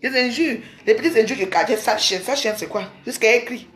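A woman's voice: on the high side, fairly quick. A woman from Cameroon, ranting angrily on a home live stream, scolding and repeating herself. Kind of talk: angry live-stream rant. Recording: roomy echo.

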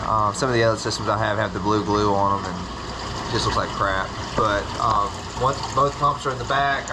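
A man's voice: mid-range voice, background noise. A man talking casually while filming his aquarium room on a handheld camera, rambling with lots of ums and giving eager tips to viewers. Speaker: hobbyist showing his aquarium build. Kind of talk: casual how-to vlog. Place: indoor fish room with tanks and pumps.

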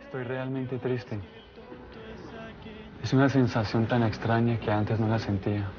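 A man's voice: mid-range voice, fairly even intonation, a little slow, lo-fi sound, over music, natural voice. A young man playing a sincere, wistful suitor in a soap opera, speaking in an earnest and subdued way. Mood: sad, wistful. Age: young adult.

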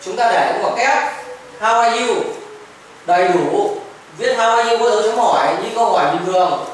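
Guy teaching kids grammar, fairly high voice, recorded from across a big echoey room. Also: normal speed. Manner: patient, repeats examples, mixes English phrases into explanations. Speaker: English teacher. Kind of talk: classroom grammar lesson. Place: classroom. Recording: echoey classroom from far off, faint noise. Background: children chiming in.

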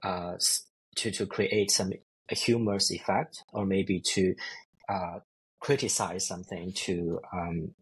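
A man in his thirties explaining ideas haltingly in an online interview, often repeating words. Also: low-pitched, little pitch movement, husky, rough recording. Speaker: researcher guest. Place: indoors, book-lined room. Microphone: earbuds on a video call.

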